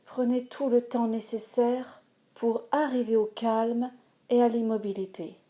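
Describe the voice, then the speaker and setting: Pitched a little high, this female instructor leads a guided yoga nidra session. She speaks soothingly and at a measured pace, leaving pauses as she gives calm directions.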